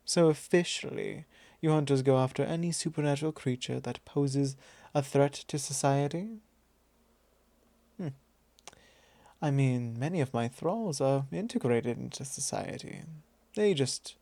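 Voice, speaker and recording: A man performs a vampire lord in an intimate ASMR roleplay, quietly possessive and teasing as he questions his thrall. His medium-pitched, expressive voice is soft and dark with a gravelly fry, drawling formal words very slowly in a curious, musing mood, with no room sound.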